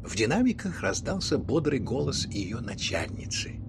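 A man narrating a children's story in a measured, expressive reading voice. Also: mid-range voice, background noise. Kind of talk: audiobook storytelling.

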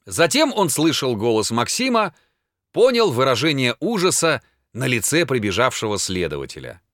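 A man narrating classic prose as an audiobook, with expressive, dramatic delivery. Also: mid-range voice, normal speed, no echo, clean studio sound.

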